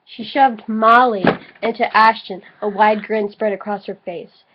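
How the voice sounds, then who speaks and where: Reading a fan story aloud as an amateur, a drunk woman puts on mock drama and mutters critical asides between lines. Her mid-range voice is fairly even and a little slow, and the lo-fi home recording has a noisy background.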